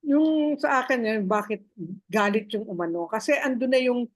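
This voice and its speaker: A woman in a casual Bible study discussion, talking in a halting way with many fillers as she searches for names, mixing in English phrases. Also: on the high side, dry recording. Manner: mixes Tagalog with English phrases. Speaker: Bible study group member.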